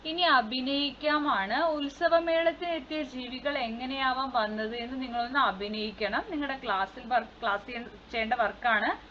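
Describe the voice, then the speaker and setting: A woman's voice: sits high, normal speed. A woman teaching a children's textbook lesson, reading the story aloud and explaining it in simple words. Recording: slightly dull sound with faint noise.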